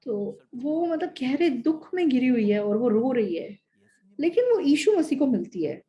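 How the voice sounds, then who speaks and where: High-voiced woman interpreting a sermon. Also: very animated, normal speed, lo-fi sound. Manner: earnest, explanatory, repeating phrases.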